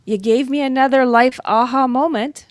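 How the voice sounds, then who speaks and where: A woman's voice: high-pitched, moderate pace, no echo. Chatty woman, dry close sound. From northern Ontario, Canada. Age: middle-aged. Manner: chatty and upbeat, laughs easily. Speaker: guest author. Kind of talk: casual interview chat.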